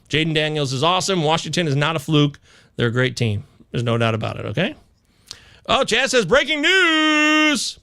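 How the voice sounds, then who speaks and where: Stoned man with wildly swinging, high-pitched delivery. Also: a bit bright. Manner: emphatic, repeats himself for stress. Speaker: host of a fantasy football advice live chat. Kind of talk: casual live chat commentary, answering viewers' questions.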